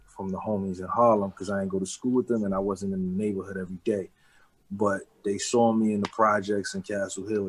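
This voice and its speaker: A man's voice: fairly low pitch, husky, poor audio. A man in his forties from the Bronx with a New York accent, talking casually as an interview guest, loose and street-casual. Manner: loose and street-casual, with frequent "you know what I'm saying".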